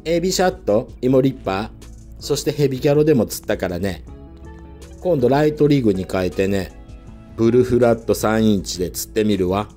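A man talking casually while fishing outdoors from a lakeside pier, speaking in a soft, feminine manner, picked up by a worn action camera. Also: mid-range voice, lively intonation, brisk, faint music behind. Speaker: fishing vlogger.

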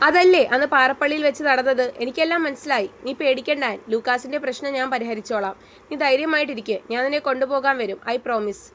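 A woman doing a gentle, soothing young lover. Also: high-pitched, quick pace. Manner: soft, coaxing.

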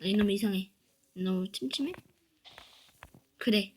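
A young woman playing a game, chatting playfully to herself and breaking into sudden loud squeals. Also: medium pitch, a little slow, background noise. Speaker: game player. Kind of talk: Minecraft-style role-play commentary.

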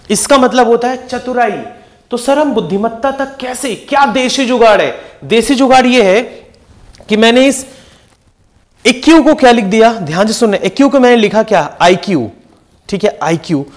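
A young man with a fairly high voice leads an energetic exam-prep vocabulary lesson. He's lively, repeating each word and firing quick questions at the class to push students to focus and remember.

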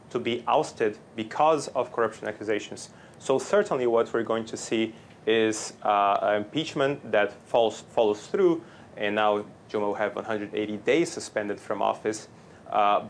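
A man in his thirties with a Brazilian accent, giving measured, explanatory analysis as a guest in a news interview. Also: mid-range voice. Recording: clear ambient background noise.

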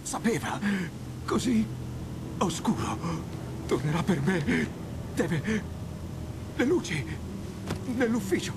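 A wounded, feverish man in a video game who gasps out broken, frightened phrases. His pitch swings wildly from line to line. The game audio sounds distant, with clear noise behind it. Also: big pitch swings, slow pace, pauses often, full character voice. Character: injured, feverish, terrified man.

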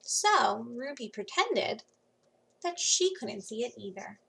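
A woman reads a picture book to young children at a very slow, careful pace. Her voice sits fairly high and has a slight creak. She uses dramatic pauses and hushed words for emphasis, recorded at home on a computer microphone. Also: big pitch swings. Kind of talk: expressive read-aloud of a children's storybook. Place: small home room, indoors. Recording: faint background noise.

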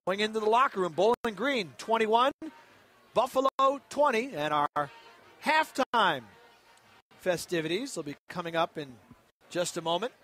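High-voiced play-by-play man. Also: expressive, moderate pace, a bit bright. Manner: conversational, rambling with fillers. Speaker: play-by-play announcer. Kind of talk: sports commentary.

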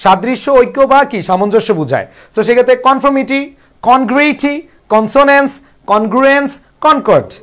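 A man's voice: very high voice, lively intonation, a little fast, fairly bright tone. A Bangladeshi man teaching English vocabulary in a live online class, coaxing students as brothers and drilling words over and over. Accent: Bangladeshi Bengali.

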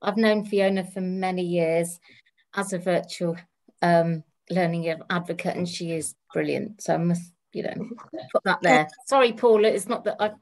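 A woman's voice: fairly low pitch, normal speed. A woman hosting an online interview, asking questions politely and thanking her guests. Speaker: interview host. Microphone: video call.

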